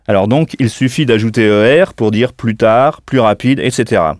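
A man teaching as a language tutor in a scripted audio lesson, speaking slowly and spelling words out letter by letter. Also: medium pitch, no echo, clean studio sound.

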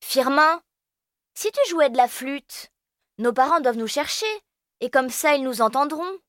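A woman's voice: sits high, a little slow, a bit bright, no echo, studio quality, voice pushed up. Nico, a chirpy young boy, voiced by a woman. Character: young boy, cheeky and practical.

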